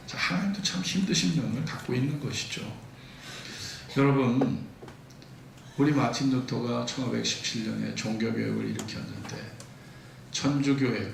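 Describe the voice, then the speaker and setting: Gravelly-voiced pastor preaching. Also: male voice, medium pitch, slight background noise. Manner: storytelling preacher with vivid retellings. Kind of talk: sermon. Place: church sanctuary. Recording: echoey church hall, distant mic.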